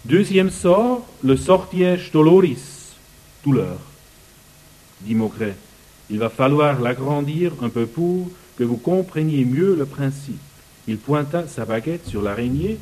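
A man reads passages from a book and breaks off to explain them in his own words. His delivery is halting, with frequent pauses while he searches for the right word. His voice sits at an ordinary pitch for a man. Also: expressive, mellow, poor audio. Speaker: speaker commenting on a book. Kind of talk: reading passages aloud and commenting.

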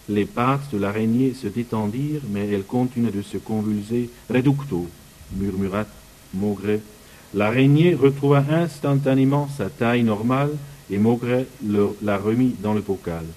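Halting man reading and commenting. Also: fairly low pitch, warm tone, poor audio. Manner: halting, often searching for words. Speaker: speaker commenting on a book. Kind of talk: reading passages aloud and commenting.

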